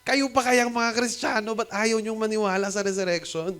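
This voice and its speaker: A man with a Filipino accent, a pastor preaching a sermon in an animated, rhetorical way, switching between Tagalog and English. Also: high-pitched, moderate pace. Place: cinema used as a church hall.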